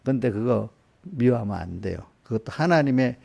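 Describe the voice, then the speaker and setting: A man preaches in a loose, conversational way, turning to individual listeners with questions and slipping into quoted voices. His voice is gravelly with a dark, mellow tone, sitting at an ordinary pitch for a man. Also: animated, moderate pace, highs cut off. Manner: conversational preaching, quizzing congregation by name; acts out voices in quoted asides. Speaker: pastor. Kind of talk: sermon. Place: church sanctuary.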